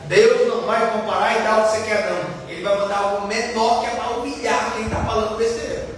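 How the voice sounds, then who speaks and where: A man preaching a lively sermon as a pastor, asking the crowd questions and acting out quotes. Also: high voice, brisk, slight background noise. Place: church hall. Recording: echoey hall from far off, faint ambience.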